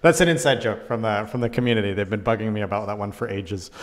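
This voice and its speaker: A man's voice: on the low side, fast talker, big-room sound. A man hosting a game stream, reading community questions aloud in a light, joking way. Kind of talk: casual panel chat.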